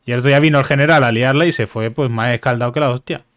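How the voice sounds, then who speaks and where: A man's voice: medium pitch, rapid-fire, a bit bright, no room sound, studio quality. A man from Spain with a Spanish accent, a blunt streamer who swears freely in casual chat.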